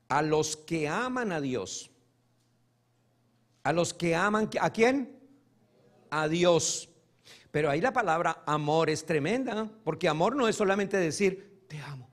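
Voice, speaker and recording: A man preaching a sermon as pastor, swinging between loud emphatic stretches and soft, hushed asides. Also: on the high side.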